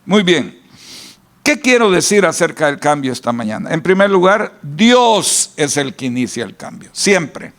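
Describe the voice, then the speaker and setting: A Salvadoran pastor preaching a sermon in a folksy storytelling way, with asides and "¿verdad?" tags. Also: male voice, fairly high pitch, very animated, a little slow, a bit bright.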